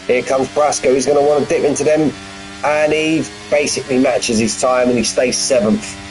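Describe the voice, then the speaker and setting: Poor audio with slight background noise carries a man's medium-pitched, darkish voice, speaking at normal speed with fairly even intonation. He's casually commentating live on an online racing league, chatting matily with drivers as mate, lad and bud.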